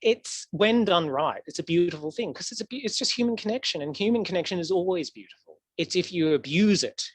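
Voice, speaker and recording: Guy guesting on a podcast, kinda high voice, chatty, laughs a lot, dry close sound. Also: a little fast, few pauses, husky, dry recording. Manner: animated, laughs often, swoops up in pitch for emphasis. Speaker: podcast guest, historical archivist. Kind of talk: casual interview chat.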